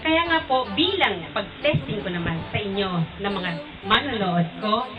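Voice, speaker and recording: A woman's voice: mid-range voice, big pitch swings, moderate pace, dull audio, over music. A woman hosting a television program, polite and speaking straight to the viewers. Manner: polite, addresses viewers directly. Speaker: program host.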